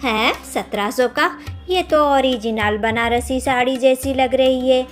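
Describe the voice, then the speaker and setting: A gossipy village woman from a cartoon story who pries into everyone's business. She talks slowly in a fairly high voice. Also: faint music behind. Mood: curious. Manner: prying, admiring. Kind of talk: Hindi cartoon story voice acting.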